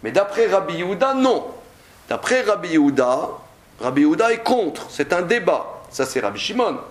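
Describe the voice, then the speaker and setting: A man teaching a lively Talmud class to a group, explaining with animated, theatrical examples. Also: sits high, moderate pace. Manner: animated, acts out examples with mock anger. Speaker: Torah teacher. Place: study room with a group. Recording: roomy echo.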